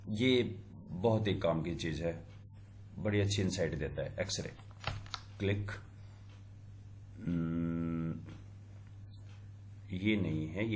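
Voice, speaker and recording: Middle-aged guy, lowish voice, walks through code step by step while thinking out loud. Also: slight background noise. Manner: talks through code step by step, mixing in English terms; thinks aloud while working, with small fillers. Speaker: instructor. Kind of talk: screen-recorded coding tutorial.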